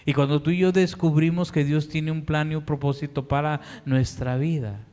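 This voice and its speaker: A man's voice: fairly high pitch, steady tone, dark tone. A man with a Mexican Spanish accent, a pastor preaching a sermon in an earnest, pleading way in a church. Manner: earnest, pleading, slow deliberate delivery. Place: church sanctuary. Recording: long hall reverb.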